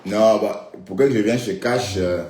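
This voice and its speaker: A man talks casually to his viewers on a live stream, rambling and tossing in little check-ins. His voice sits low. The room gives back a noticeable echo with faint background sound. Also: normal speed, darkish tone, a little hiss or hum. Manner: rambling, addresses viewers directly with frequent "hein" and "d'accord".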